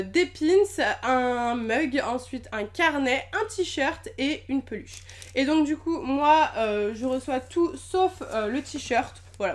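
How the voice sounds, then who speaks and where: A young woman chatting casually in an unboxing vlog, gushing and bubbly, with lots of fillers. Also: high-pitched. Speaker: YouTuber unboxing packages.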